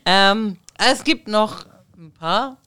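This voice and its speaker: Smooth-voiced chatty man, podcast co-host. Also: sits high, extremely slow, sharp tone, no echo. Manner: chatty, hesitant with frequent fillers. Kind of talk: casual podcast chat.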